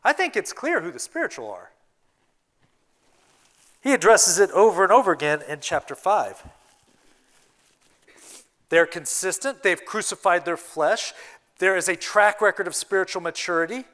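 A youth pastor preaching a sermon in his church, his voice high and bright, with a sharp, forceful edge. He swings between hushed, earnest passages and emphatic pushes. It is a steady pulpit delivery, not a chat. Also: moderate pace, pauses often. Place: church sanctuary.

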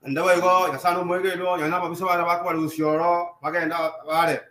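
Male sermon interpreter, high monotone voice, echoes each line, roomy church sound. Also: fairly quick, slight background noise. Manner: echoing each line in call and response.

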